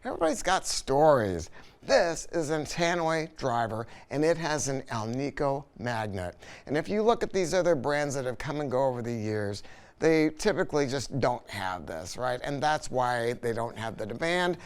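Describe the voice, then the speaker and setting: A product reviewer and audio dealer gives an unscripted, sales-style product review, telling stories emphatically and colloquially with frequent rhetorical tag questions. His medium-pitched voice is very animated, clear and resonant, at a moderate pace.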